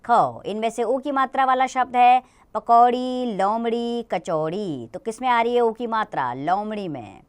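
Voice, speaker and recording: Smooth-voiced woman teaching children. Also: a little high, lively intonation. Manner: slow, patient, explaining to children. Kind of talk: children's grammar lesson.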